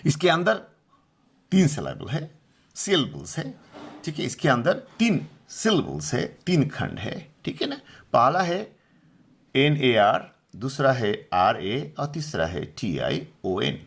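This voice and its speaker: A man's voice: mid-range voice, wildly swooping pitch. A middle-aged man teaching pronunciation, patiently repeating each word and checking that listeners follow. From India. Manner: slow, patient, repeats words and asks if clear. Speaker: English teacher. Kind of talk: Hindi-language pronunciation lesson.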